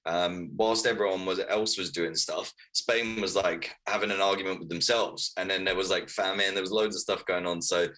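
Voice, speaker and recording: A man's voice: deep voice, fairly even intonation, normal speed, few pauses, sharp tone, rough recording. A man of thirty, telling his life story earnestly as an author guest in a casual interview. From Wales, raised in London. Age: 30s.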